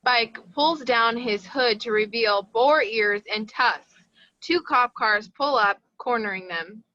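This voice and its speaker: Reading the stage directions of a script during a table read, this woman takes her time. Her voice is bright and mid-pitched, and the audio is very dry, with no echo and slightly dull fidelity.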